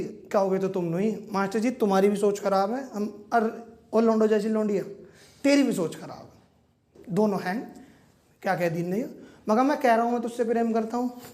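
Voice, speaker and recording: A man's voice: high voice, mellow. A young man performing stand-up comedy. He tells school and college stories in a loose, slangy way. He acts out the dialogue and lands crude punchlines. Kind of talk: stand-up storytelling.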